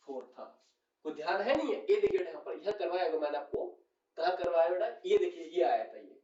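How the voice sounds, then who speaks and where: A male chemistry teacher giving a classroom lecture, calling his students "beta" and checking often that they follow. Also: sits high. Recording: roomy, distant, dull lo-fi sound.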